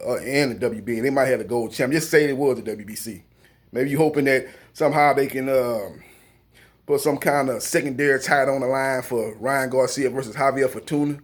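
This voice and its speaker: A man's voice: medium pitch, slightly rough. A man talking through the latest boxing news in a loose, unscripted way. He rambles, stacks up fillers and restarts, and gives strong opinions as he goes. His voice sits in an ordinary middle range for a man. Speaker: boxing news channel host. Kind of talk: casual boxing news commentary.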